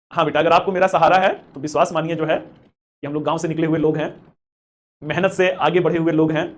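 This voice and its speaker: A man teaching history to exam students in a live class. He is chatty and encouraging, calls students beta and mixes in English terms. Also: a little high. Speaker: history teacher for civil service exam coaching. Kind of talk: live online class with chat questions.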